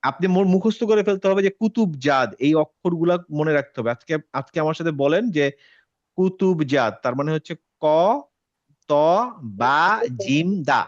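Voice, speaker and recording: A man's voice: on the high side, moderate pace, no echo, muffled recording. A man teaching an online recitation class, patiently repeating words to drill pronunciation.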